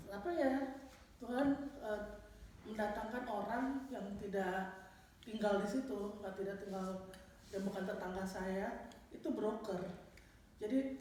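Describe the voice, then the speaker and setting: A woman giving a personal testimony at a Bible study, telling her story in an animated way and slipping into English phrases. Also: medium pitch. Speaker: church member giving a testimony. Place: large echoey room at a church Bible study. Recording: echoey room, distant mic, faint noise.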